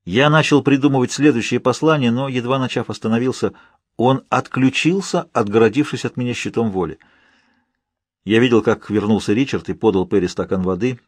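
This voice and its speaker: A man narrating an audiobook in the first person, with steady, measured storytelling. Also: mid-range voice, no room sound.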